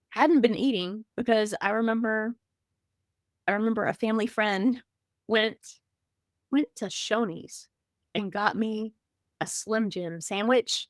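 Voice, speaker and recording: This podcast guest, a middle-aged woman, opens up emotionally about her grief in a relaxed, conversational way, often restarting sentences and leaning on fillers. Her voice is a little high, and the studio recording is dry.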